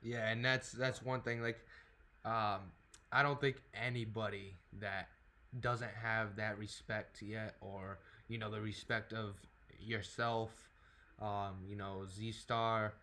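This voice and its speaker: A man hosting a podcast in a fairly low voice. He keeps the casual chat easygoing, agreeing often and filling pauses with "uh" and "um.". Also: level tone, sharp tone. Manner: easygoing, agreeing, with many fillers. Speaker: podcast host.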